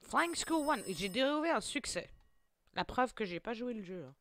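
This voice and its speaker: A young woman who makes gaming videos provides let's play commentary, full of exclamations, jokes and frequent laughter. Her voice is a little high and her pace moderate, and her delivery is expressive and playful.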